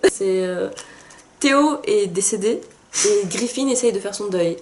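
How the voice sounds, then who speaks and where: A woman's voice: medium pitch, measured pace. A young woman co-hosting a book video, unwell and chatting casually with lots of hesitations. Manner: chatty, hesitant with many fillers. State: sick. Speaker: book channel co-host. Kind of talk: casual chat.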